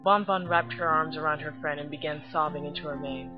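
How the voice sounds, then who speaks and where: A woman hosts a web series, casually reviewing and narrating a story. Her voice sits low with fairly even intonation and a slightly fast pace. The recording is muffled and lo-fi, with music playing in the background.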